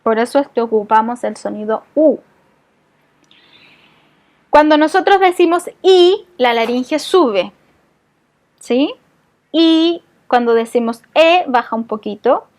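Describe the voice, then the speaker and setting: A middle-aged woman, teaching a voice-care lesson to a community group. Her voice sits high, and she explains step by step, checking in with her students after almost every point. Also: lively intonation, slow, long pauses, a little mellow. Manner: patient, explanatory, frequent check-ins with the class. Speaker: voice therapy instructor.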